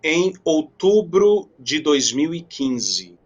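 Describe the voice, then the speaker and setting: A man in his thirties from Brazil, a pastor guest answering interview questions in a friendly, quick, slightly hesitant way. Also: a little high, animated, highs cut off.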